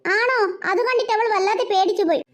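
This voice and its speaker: Brief: woman as a patient, questioning cartoon mom, very high voice. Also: fast talker. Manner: coaxing, questioning. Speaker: mother. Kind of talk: cartoon voice acting.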